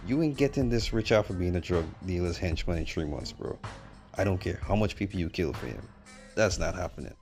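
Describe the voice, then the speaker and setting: Deep gravelly man roasting a movie. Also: animated, a little fast, a little mellow, faint music behind. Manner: mocking, blunt, slangy. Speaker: movie reviewer. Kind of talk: sarcastic movie review commentary.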